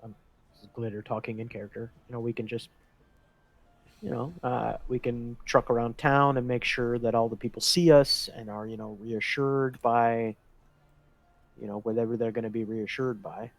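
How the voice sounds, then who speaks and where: A man's voice: mid-range voice, fairly even intonation, normal speed, no room sound. A man playing a tabletop game, talking in a hesitant, rambling way with lots of fillers. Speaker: player. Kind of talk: casual tabletop play.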